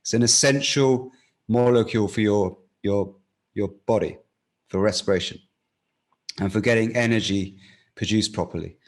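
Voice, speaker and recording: A man teaching breathwork, giving calm step-by-step instructions and often checking in with the listener. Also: on the low side, normal speed, long pauses.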